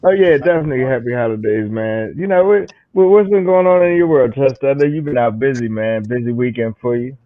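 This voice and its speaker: A man hosting a casual podcast chat, relaxed and rambling, with lots of fillers and "man" tossed in. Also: medium pitch, a little fast, hardly any pauses. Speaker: podcast host. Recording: dry, slightly dull sound.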